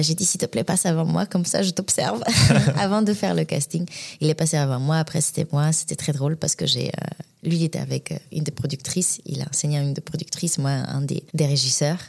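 A woman's voice: low voice, vocal fry, a little mellow. A woman with a Bulgarian accent, slightly Québécois-tinged, speaking French as a non-native in a casual interview, hesitant and full of restarts. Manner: hesitant, many restarts and fillers, laughs often. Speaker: guest, professional dancer.

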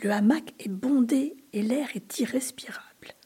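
Breathy, whispering woman storyteller. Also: fairly high pitch, moderate pace. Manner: soft, hushed, expressive.

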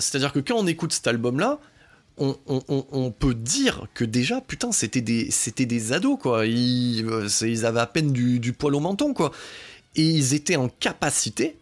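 Man, podcast host, casual album review, mid pitch, excitable, swears a lot, lots of fillers. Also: normal speed, faint music behind. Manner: excitable, swears often, many fillers and restarts.

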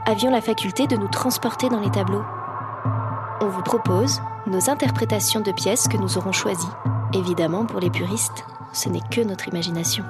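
Woman narrating over loud music. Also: mid-range voice, normal speed. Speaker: podcast host. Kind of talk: scripted narration. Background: loud ambient music.

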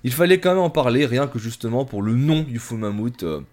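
A man's voice: medium pitch, lively intonation, fairly quick, a little mellow. Rambling self-mocking male podcast host. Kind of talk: casual podcast music review.

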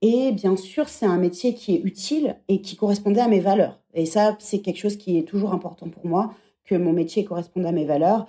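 Speaking briskly with a warm, medium-pitched voice, a woman in her thirties reflects and thinks aloud as a podcast guest. A former teacher, she is taking part in a conversational interview.

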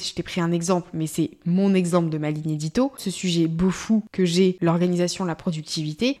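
A woman's voice: mid-range voice, darkish tone. A woman hosting a solo podcast, coaching listeners in a friendly, informal way. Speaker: podcast host, business coach. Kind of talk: casual solo podcast teaching.

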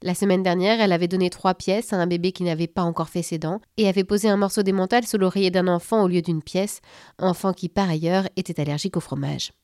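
A woman narrating a children's story in a lively, playful storybook manner. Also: on the low side, fast talker, no room sound, clean studio sound.

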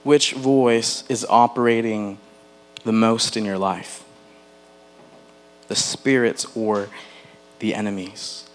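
A man preaching a sermon as pastor, earnest, slowing down to stress key words and putting questions straight to the congregation. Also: lowish voice, steady tone, a little hiss or hum. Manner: addresses the congregation directly with questions.

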